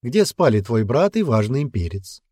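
A man voicing a stern old great-grandfather who keeps the clan's secrets, speaking slowly and weightily. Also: mid-range voice, big pitch swings, dark tone, husky, no echo, clean studio sound, voice pushed up. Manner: slow, weighty, bloodthirsty approval.

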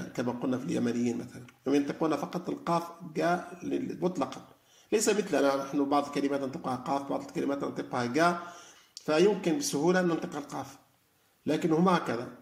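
A man's voice: fairly high pitch, gravelly, darkish tone. A middle-aged man teaching an informal religious lesson in a conversational way, with many fillers and restarts. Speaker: teacher of Quran reflection. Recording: echoey room.

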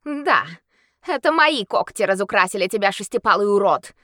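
A woman's voice: mid-range voice, expressive, normal speed, pushed and bright, dry recording, studio quality, voice pushed up. A woman voicing a proud female werewolf noblewoman with a ringing, melodious voice. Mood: furious. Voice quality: ringing, melodious, snarling when angry.

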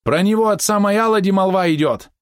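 Man voicing a panicky high-pitched helmsman. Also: fairly quick, clean tone, dry recording, clean studio sound, natural voice. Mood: terrified. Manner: fearful, urgent, pleading. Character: frightened superstitious male ship's helmsman.

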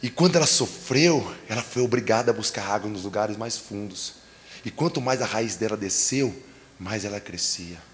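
A man voicing a calm, wise grown neighbor who patiently explains. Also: on the low side, normal speed, in a large hall, a little hiss or hum, voice pushed down, lightly acted.

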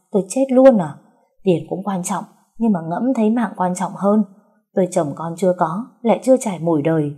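A woman's voice: on the low side, warm tone, slightly rough. A woman voicing a cheeky, money-loving young peasant woman who rambles on and is scared of dying. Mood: fretful chatter. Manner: rambling, wheedling and boastful chatter.

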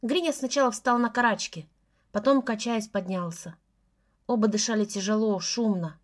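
A woman's voice: a little high, moderate pace. A woman reading a novel aloud in the first person, with tense, intimate storytelling. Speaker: audiobook narrator.

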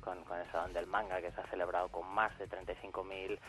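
A man's voice: low-pitched, flat delivery, quick pace, a bit bright, soft background music, poor audio. A man from Spain, a regular contributor, explaining role-playing games on a radio show in a hesitant way, full of fillers and restarts. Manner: hesitant, many fillers and repeated words. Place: Salamanca, away from the studio.

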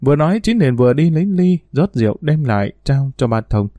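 A man narrating a story in an even, unhurried manner. His voice is mellow and warm. The recording is dry and close. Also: mid-range voice, no echo. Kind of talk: audiobook narration.

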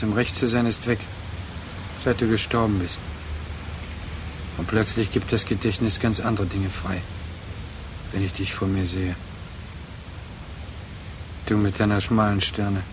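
A fairly low-voiced actor portrays a brooding, wistful man in a literary radio drama, addressing the remembered lover from his past in hesitant, reflective fragments. Background noise can be clearly heard.

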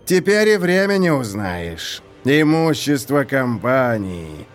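A man's voice: medium pitch, very animated, takes it slowly, faint music behind. A man voicing a scheming, mocking male prison warden who gloats in a theatrical, mock-polite way. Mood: gloating.

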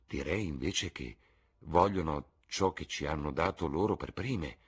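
A man voicing an earnest, impulsive young man in an audiobook reading, with a husky voice and an eager, emphatic delivery. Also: rumbling low, unhurried, exaggerated voice.

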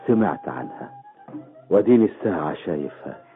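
Deep-voiced proud lover. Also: male voice, expressive, brisk, creaky. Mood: tender, romantic. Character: proud Bedouin man, vengeful yet tenderly romantic. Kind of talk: Arabic radio drama acting. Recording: dull old radio recording, faint music.

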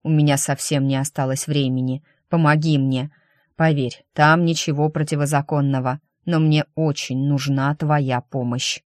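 A narrator reading the lines of a calm, persuasive young man in an audiobook, low and earnest. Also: normal speed, no room sound, studio quality, close to an everyday voice. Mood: pleading.

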